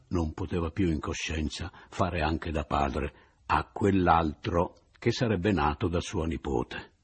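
Man narrating an audiobook, deep low voice, husky rasp, theatrical first-person reading. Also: darkish tone.

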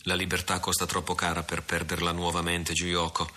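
A man's voice: low-pitched, completely flat delivery, normal speed, bright, forceful tone. A man reading the part of a fierce adult pirate captain in an audiobook story, speaking in terse commands. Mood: grave.

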